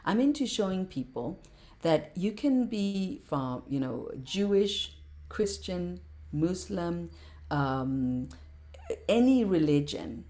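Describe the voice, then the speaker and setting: Low, mellow-voiced woman talking passionately. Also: very animated, slow. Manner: passionate, repeats words for emphasis. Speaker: podcast guest, meditation teacher. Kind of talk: casual interview talk.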